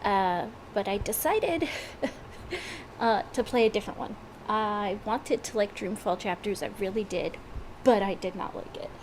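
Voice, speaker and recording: With a head cold, a gaming streamer talks casually before gameplay, hesitant and repeatedly restarting amid many fillers. Her mid-range voice keeps a measured pace, and a faint hiss or hum sits under the audio.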